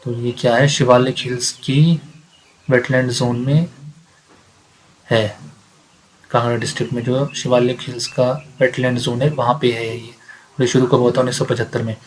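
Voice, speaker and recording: Man, exam lecture, monotone, repeats points, faint background noise. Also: mid-range voice, low-quality recording. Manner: repeats facts, asks and answers himself, mixes English readings. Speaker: exam prep teacher. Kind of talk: explanatory lecture.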